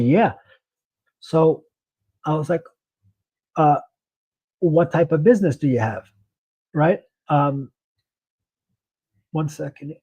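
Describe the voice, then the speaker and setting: A man's voice: fairly high pitch, dark tone, no echo, rough recording. A middle-aged man, a former bank manager, telling an off-the-cuff sales story with many restarts and acted-out dialogue. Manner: rambling, self-correcting, acts out quoted dialogue. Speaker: podcast host, former bank branch manager.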